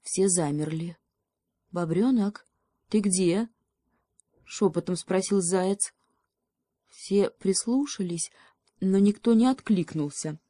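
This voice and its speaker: Slow mellow woman reading a fairy tale. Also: on the low side, no room sound, studio quality. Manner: calm, unhurried reading. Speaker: audiobook reader. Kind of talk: storybook narration.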